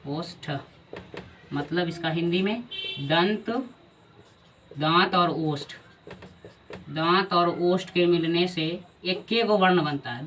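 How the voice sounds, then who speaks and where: A man's voice: on the high side, fairly bright tone, distant mic, a little hiss or hum. A male teacher with a Bihari Hindi accent giving a grammar lesson, often repeating key answers as questions to his students.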